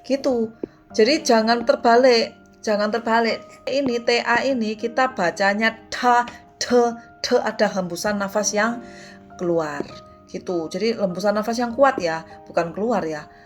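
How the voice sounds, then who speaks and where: A woman's voice: on the high side, normal speed, faint music behind. A woman with an Indonesian accent teaching Mandarin pronunciation in a casual online lesson, repeating syllables to drill viewers.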